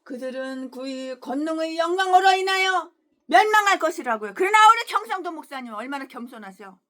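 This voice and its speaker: A woman pastor delivers a fiery sermon with a high, bright voice. Her pitch swings widely as she scolds, hurls crude insults and moves between quiet asides and sudden shouts. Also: expressive, fairly quick. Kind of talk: expository sermon.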